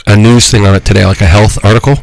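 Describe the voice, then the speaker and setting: A man with a fairly low voice chats on a casual podcast, playful and teasing. He keeps chewing gum right into the microphone as he talks. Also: steady tone, quick pace, gravelly, rough recording. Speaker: podcast co-host. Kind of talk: casual chat.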